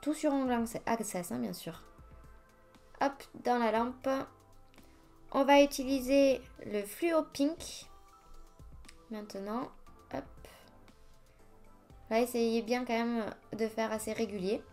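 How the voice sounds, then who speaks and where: A woman with a higher-pitched but darkish voice speaks slowly, leaving long pauses, as she describes each step of a nail art tutorial. Chatty and self-mocking, the nail artist talks over faint music.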